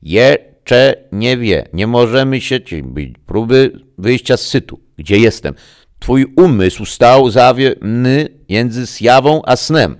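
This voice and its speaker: A man voicing an anxious young woman who calls out urgently in halting bursts, as in a read-aloud story. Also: medium pitch, expressive, voice pushed up. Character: young woman calling over a faint link.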